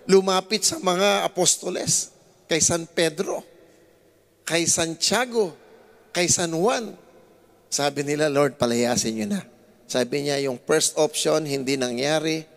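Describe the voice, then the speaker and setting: Filipino pastor preaching, gravelly bit high voice, hushed then suddenly loud, big echoey church hall. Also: male voice, takes it slowly, pauses often. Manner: switches between hushed asides and raised, animated exclamations. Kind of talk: sermon. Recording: long church-hall reverb.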